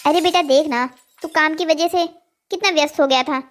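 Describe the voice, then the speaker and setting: A shrewd older mother-in-law from a cartoon family drama, voiced by a woman. She talks in a very high, soothing voice that hides a teasing bite. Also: brisk, close to an everyday voice. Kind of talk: Hindi cartoon voice acting.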